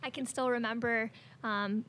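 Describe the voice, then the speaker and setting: A woman co-hosts a casual podcast, speaking a little above the usual pitch. She tells her stories in an animated, direct way and speaks straight to her listeners. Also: moderate pace, slight background noise. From Barbados. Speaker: podcast co-host. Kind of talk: casual storytelling.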